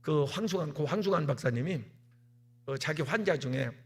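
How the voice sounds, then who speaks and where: A man, the senior pastor, preaching an animated sermon in a church, repeating key words and acting out stories. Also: on the high side, normal speed, breathy edge. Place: church sanctuary.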